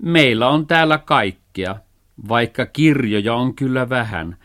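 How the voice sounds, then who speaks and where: A man voicing a thrifty, practical male cat in a children's story reading, talking brisk and matter-of-fact. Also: medium pitch, expressive, fairly bright tone, voice pushed up, close to an everyday voice.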